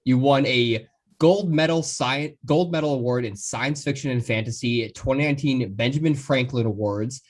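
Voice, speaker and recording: A man's voice: mid-range voice, normal speed. A man hosting a casual podcast interview, enthusiastic and full of praise, often stumbling and restarting his words.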